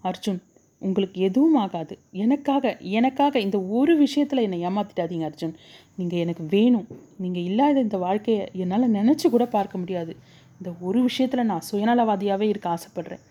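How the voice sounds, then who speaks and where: A woman voicing a distraught young woman who sobs and begs, loud and high, in a spoken story. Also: a little fast, few pauses, muffled recording, lightly acted. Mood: desperate. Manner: sobbing, high and loud pleading. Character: distraught young woman begging her dying love.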